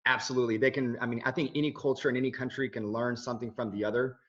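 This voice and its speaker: In a casual conversational interview captured in dull lo-fi audio, a man in his thirties who grew up in Switzerland answers earnestly, rambling with many fillers and restarts. A video journalist with no accent, he speaks very fast at medium pitch, with fairly even intonation and a fairly bright tone.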